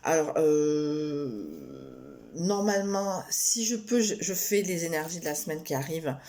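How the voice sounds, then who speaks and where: A woman reading tarot cards in a casual vlog, talking in a rambling way with many hesitations and restarts, turning animated and giggly when she jokes. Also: sits low, unhurried. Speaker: tarot card reader.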